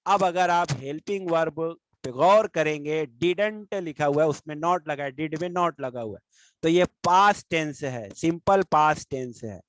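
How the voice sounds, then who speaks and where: A man from India, a teacher, explaining grammar step by step and slowing right down to spell out the English example sentences. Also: fairly high pitch, dry recording, poor audio.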